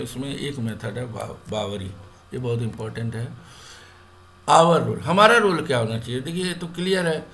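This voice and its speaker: A male teacher explaining a school lesson in Hindi, mixing in English terms and pausing to restart his sentences. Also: on the high side, fairly bright tone, slight background noise.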